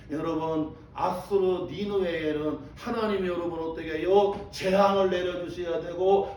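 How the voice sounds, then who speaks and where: A man's voice: high-pitched, darkish tone, muffled recording, slight background noise. A male pastor preaching a sermon. He keeps calling out to the congregation and repeats his phrases for emphasis. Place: church sanctuary. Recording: echoey church from a distant mic.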